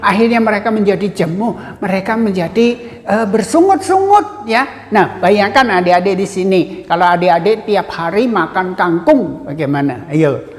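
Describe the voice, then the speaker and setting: A woman, a Sunday school teacher, telling a Bible story to children in a lively way, adding a questioning "ya" after nearly every phrase and asking the children questions. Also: medium pitch, moderate pace. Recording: long hall reverb.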